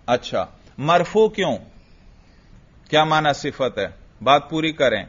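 A man's voice: fairly high pitch, big pitch swings, fairly bright tone, husky. A man teaching an Arabic grammar lesson, firing questions at his students and answering them himself. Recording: dull lo-fi recording.

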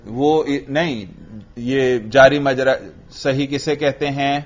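A male teacher gives a classroom grammar lesson. He asks the class questions and answers them himself, and repeats key terms slowly. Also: mid-range voice, fairly even intonation. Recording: dull lo-fi recording.

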